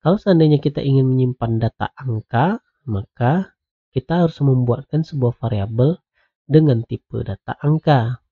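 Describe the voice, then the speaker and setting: A man giving a programming lecture while coding on screen, explaining slowly and patiently with lots of "nah" and "ya". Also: medium pitch, slightly rough. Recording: tinny phone-like audio.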